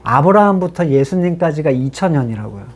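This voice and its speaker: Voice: medium pitch, lively intonation, fairly quick, darkish tone, a little hiss or hum. A pastor giving a sermon in a conversational way, reading scripture passages aloud and then explaining them with rhetorical questions to the congregation.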